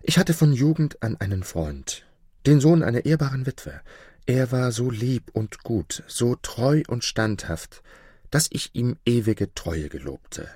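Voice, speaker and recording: A sorrowful young maid, as a male narrator puts her on, lamenting with her voice lifted higher than his own. The storybook reading sounds dry and close. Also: very animated, a little slow, warm tone, breathy edge, no room sound, heavily acted. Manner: lamenting, tearful. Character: grieving young maid full of guilt.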